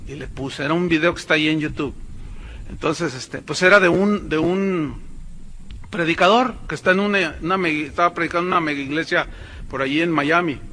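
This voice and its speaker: A man preaches with emphatic, conversational energy, often turning to address the listeners as brothers. His voice sits high and bright. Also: steady tone, fairly quick, a little hiss or hum. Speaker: pastor. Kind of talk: sermon.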